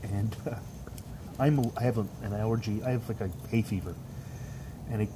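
In a casual chat, a man with a congested, stuffed-up voice rambles, jokes, and swears now and then, speaking at normal speed in a fairly low, steady tone. Outdoor noise and crickets can be heard behind him.

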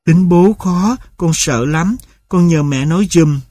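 A man voicing a gentle, coaxing young village woman who pleads softly and sweetly. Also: fairly high pitch, unhurried, no echo, studio quality. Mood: pleading.

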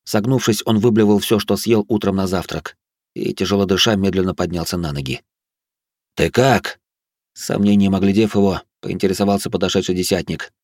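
Deep-voiced male audiobook narrator. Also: fairly even intonation, fast talker, darkish tone, no room sound, studio quality. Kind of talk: scripted fantasy narration.

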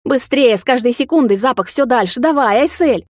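A woman's voice: on the high side, expressive, a little fast, no room sound, clean studio sound, voice pushed up. A woman voicing a smug young male vampire in a fantasy audiobook, mocking at first and frantic when things go wrong. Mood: panicked. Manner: mocking, then frantic shouting. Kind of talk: audiobook character reading.

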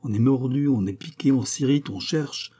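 A tired king who explains himself patiently, with a hint of exasperation, as a man reads him in an audiobook. The voice is dark and husky, close to the reader's own. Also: medium pitch, normal speed, close to an everyday voice. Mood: exasperated. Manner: reasoning, mildly exasperated. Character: weary, patient king, middle-aged man.

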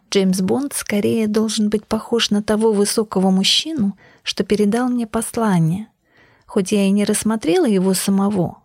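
Female audiobook narrator, mid-pitched, measured and even, close dry recording. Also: dry recording. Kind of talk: scripted first-person narration.

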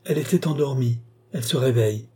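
A man playing a young woman in a trance, seeing far-off things and reporting them in short, halting phrases. The reading voice is mellow and a bit husky. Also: mid-range voice. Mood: entranced. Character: entranced young woman seer, wide-eyed and fearful. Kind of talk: audiobook reading.

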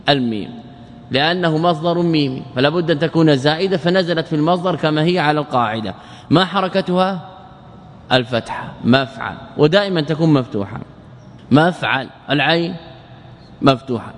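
A man teaching a morphology lesson, asking his listeners questions, answering them himself and stretching out word patterns slowly. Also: a little high, in a large hall. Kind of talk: classroom lesson explaining a verse text.

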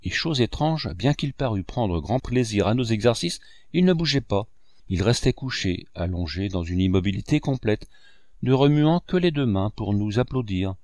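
Low-voiced man narrating a novel. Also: animated, darkish tone, no room sound, clean studio sound. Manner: measured, storytelling delivery. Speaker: audiobook narrator. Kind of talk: scripted narration of a classic novel.

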